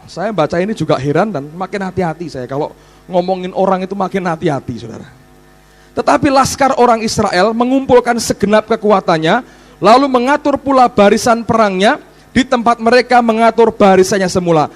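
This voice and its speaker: A man with a Javanese Indonesian accent preaching a sermon, swinging from loud exclamations to quiet asides and often calling the listeners "brothers.". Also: animated, brisk. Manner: often addresses listeners as "saudara"; dramatizes Bible dialogue with rising pitch. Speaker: pastor.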